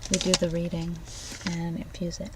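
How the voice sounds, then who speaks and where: A woman doing an ASMR ASMR role-play in a soft, hushed voice, speaking gently and directly to the listener. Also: on the low side, monotone, moderate pace, very noisy. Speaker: ASMR host. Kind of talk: soft ASMR ASMR role-play, tasting snacks and reading oracle cards.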